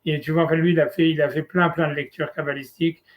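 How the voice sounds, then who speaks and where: A man's voice: on the high side, flat delivery, fast. Casual, hesitant male rabbi teaching. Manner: casual, hesitant, many fillers and "tu vois"; mixes Hebrew terms into French. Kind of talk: informal one-on-one Torah lesson.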